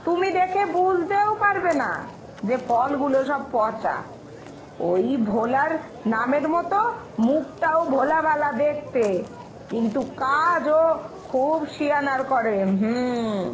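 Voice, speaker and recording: A woman voicing a loud, blunt older village mother-in-law in a cartoon, who gossips and cannot lower her voice. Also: animated, takes it slowly. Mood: gossipy. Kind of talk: Bengali cartoon voice acting.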